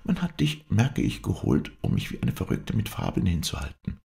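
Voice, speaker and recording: A man's voice: huge pitch swings, normal speed, creaky, dark tone, heavily acted. Man voicing a distraught, feverish noble lady. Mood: distraught, insistent. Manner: pleading, agitated falsetto lift.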